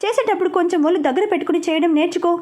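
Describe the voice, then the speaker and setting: A woman's voice: very high-pitched, rapid-fire, darkish tone, voice pushed up. A woman voicing a strict young female team lead who scolds her colleague sternly. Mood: scolding.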